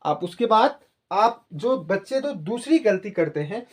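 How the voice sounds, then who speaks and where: Slow, patient male Hindi teacher. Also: high-pitched, lively intonation. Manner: patient, repetitive, addresses listeners directly. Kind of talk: explanatory lesson to students.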